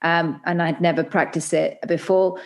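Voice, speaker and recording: A woman guest in a casual conversation, talking in an animated, chatty way and acting out little quotes. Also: on the low side, moderate pace. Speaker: podcast guest.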